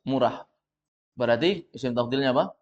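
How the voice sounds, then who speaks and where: An Arabic teacher with an Indonesian accent leads a class at an even, middle pitch, patiently walking students through material step by step and reading sentences slowly and loudly. The recording is dull, muffled, and lo-fi.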